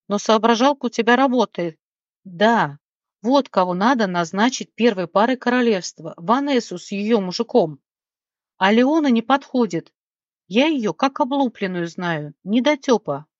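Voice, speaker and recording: A woman voicing a squeaky, blunt, cheeky little male creature in an audiobook. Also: expressive, measured pace, dry recording, highs cut off.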